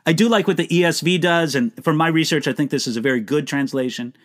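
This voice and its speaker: A man's voice: a little high, quick pace. A man answering viewer questions as a Bible teacher on a live Q&A, speaking in an emphatic, earnest way and posing rhetorical questions.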